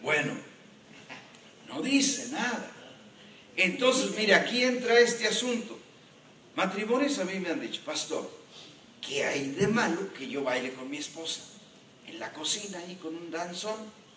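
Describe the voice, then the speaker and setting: A man, a pastor, preaching a sermon in an animated way and joking with the congregation. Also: high-pitched, unhurried, pauses often, a little hiss or hum. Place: church. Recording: echoey church hall from a distance.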